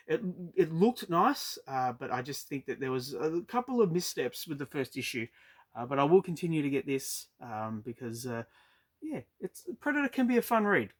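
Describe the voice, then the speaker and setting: An Australian man chatting casually about his weekly comic purchases, with frequent ums and uhs. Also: a little high. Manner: hesitant, many ums and uhs. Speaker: comic book collector vlogger. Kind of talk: casual review chat. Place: storage unit.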